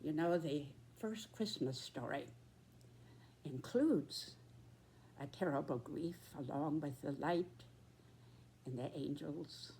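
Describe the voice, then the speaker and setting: Very old woman, slow and halting. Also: low voice, dark tone, a little hiss or hum. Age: 90s. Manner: very old person's slow, halting delivery in short phrases. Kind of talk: reflective spoken address.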